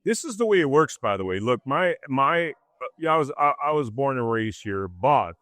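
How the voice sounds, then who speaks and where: A male interview host chats casually and keeps the talk going with short, agreeable replies. His medium voice moves in a very animated way, and the recording is dry and close. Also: medium pitch, moderate pace, no echo. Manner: lively, agreeable, frequent back-channel.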